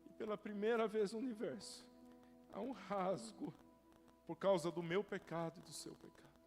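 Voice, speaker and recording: A young male pastor with a Brazilian Portuguese accent preaching a sermon, telling stories with strong feeling and swinging from loud cries to hushed whispers. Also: sits high, steady tone, moderate pace. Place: church hall. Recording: church hall reverb with soft music.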